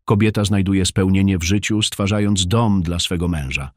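Low-voiced man reading a severe, commanding mother from ancient times, dry sound. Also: steady tone, normal speed, no echo, lightly acted. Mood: instructive. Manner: stern, commanding. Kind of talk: audiobook reading.

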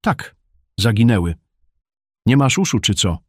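Brief: man doing an irate, scornful older father, raised deep voice, dry storybook read. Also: normal speed, dry recording, close to an everyday voice. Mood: angry scornful. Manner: scornful, shouting.

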